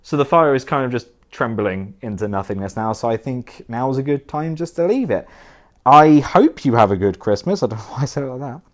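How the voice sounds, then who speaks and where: A young man giving a casual thank-you message to viewers indoors by a fire, self-deprecating, with dry asides that trail off into mumbles. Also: mid-range voice. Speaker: board game reviewer.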